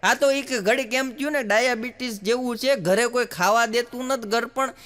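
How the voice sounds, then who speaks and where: A man's voice: very high-pitched, moderate pace, a bit bright, in a large hall. A man doing stand-up, telling folksy stories and acting out the dialogue. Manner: folksy storytelling, acts out dialogue. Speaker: stand-up comedian. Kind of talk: live stand-up storytelling.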